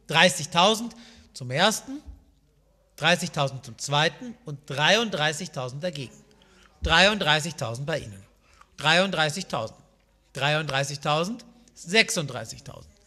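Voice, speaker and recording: A man in his thirties auctions in a live saleroom, calling and repeating bid amounts from the rostrum in both German and English. His voice is a little high with a sharp tone, echoing in the reverberant indoor hall.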